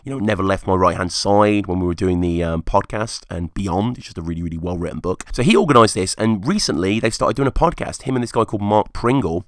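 Low, rusty-voiced man, casually podcasting. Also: fast talker, few pauses, no echo, studio quality. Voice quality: rusty, hoarse voice. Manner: enthusiastic, informal. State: hungover, croaky. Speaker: music podcast host. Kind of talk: casual rambling solo podcast talk.

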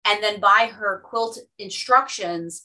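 A woman's voice: mid-range voice, slow pace, pushed and bright, recorded from a distance, poor audio. Brief: woman podcast host, storytelling, laughs a lot, slightly off-mic. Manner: chatty storyteller, laughs often. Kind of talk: casual conversational interview.

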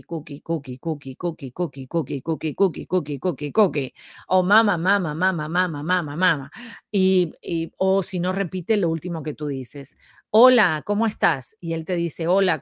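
A woman's voice: fairly low pitch, dry recording, studio quality. A woman presenting a program, explaining a list of points patiently and often checking in with her listener. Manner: explains patiently, checks in with repeated "¿sí?", counts items aloud. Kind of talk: explanatory talk show lesson.

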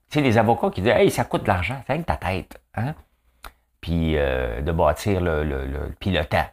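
A man with a Quebec French accent and a nasal voice, hosting a casual, joking commentary monologue and tagging his sentences with "hein". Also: sits low. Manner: chatty, joking, fills talk with "hein". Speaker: show host.

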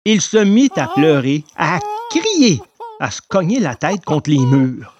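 A man narrating a storybook in an expressive telling voice. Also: a little high, a little slow, muffled recording, a crowd in the background.

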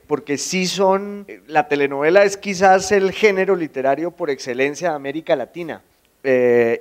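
A man with a Colombian accent, a writer talking in conversation, halting and repeating words, making wry asides. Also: a little high. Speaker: writer, guest. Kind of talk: conversational discussion.

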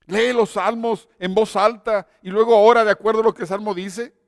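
A man's voice: high voice, steady tone, moderate pace, vocal fry, no room sound, studio quality, big-room sound. A man preaching a sermon and telling his own testimony, earnest and exhorting.

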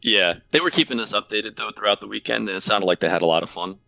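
Bright, forceful, deep-voiced man chatting. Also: quick pace, vocal fry, no room sound. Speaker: podcast co-host. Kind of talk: casual chat.

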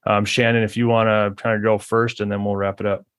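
A man hosting a podcast interview, talking in an easygoing, halting way with frequent restarts. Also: lowish voice, little pitch movement, a bit bright. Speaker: podcast host. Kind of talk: casual interview chat.

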